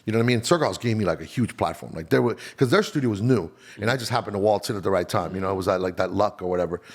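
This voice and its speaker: A man's voice: fairly low pitch, racing, slightly rough. A middle-aged man, born in Chile and raised in Miami, chatting casually as a guest in a slangy, laid-back way. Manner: laid-back slangy talk, calls host dog and bro. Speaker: guest, audio engineer. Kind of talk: casual podcast chat.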